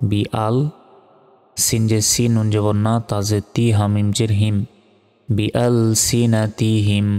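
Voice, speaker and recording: A man gives a Quran reading lesson, spelling out each letter in an even, methodical way before he chants the verse slowly. His voice is low, smooth and resonant, with a flat, steady delivery. A long reverb trails every word, and soft music plays underneath. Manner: slow, methodical letter-by-letter spelling, then drawn-out melodic recitation. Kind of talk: spelling out and reciting Arabic lesson.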